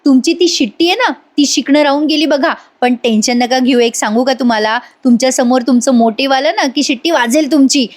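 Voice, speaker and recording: Woman reading a gentle reassuring young wife. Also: high voice, a little fast, hardly any pauses, lightly acted. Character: kind young woman reassuring her brother-in-law.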